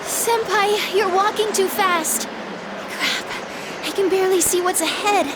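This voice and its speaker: A woman voicing a shy, gentle teenage schoolgirl in a video game, speaking softly and earnestly. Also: very high voice, fairly even intonation, slow, heavy background noise. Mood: anxious. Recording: game audio with background music.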